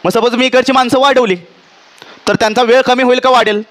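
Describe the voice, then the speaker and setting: A man with a Marathi accent teaching physics to a classroom, checking often whether students understand and dictating definitions slowly. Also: extremely high pitch, fairly even intonation, a bit bright. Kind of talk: classroom lecture.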